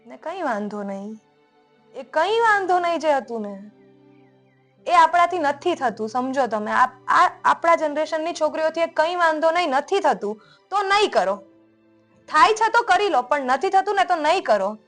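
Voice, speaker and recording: A young woman with a high, bright voice tells her story in a relaxed podcast chat. She talks emphatically, her pitch lifting as she presses her point. Faint music plays underneath. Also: normal speed. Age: young adult. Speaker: guest speaker, entrepreneur. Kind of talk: casual podcast conversation.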